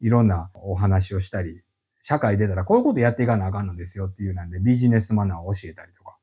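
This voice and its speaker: A middle-aged man with a Kansai accent, chatting as a podcast guest and explaining his work in an animated, storytelling way. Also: lowish voice, racing, slightly rough. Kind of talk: casual podcast chat.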